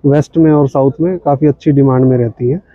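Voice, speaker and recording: Talking fast in a steady, medium-pitched voice, a man in his thirties represents a footwear company at an indoor expo stall. He explains the shoes patiently, peppering his speech with fillers and polite "ji, sir," and the audio is dry and phone-like.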